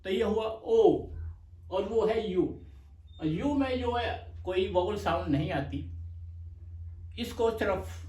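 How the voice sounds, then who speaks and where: A man teaching a shorthand lesson, explaining patiently and repeating slowly for dictation, with terms spoken. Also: high-pitched, a little mellow. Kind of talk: slow explanatory lecture. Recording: echoey room, mic far off.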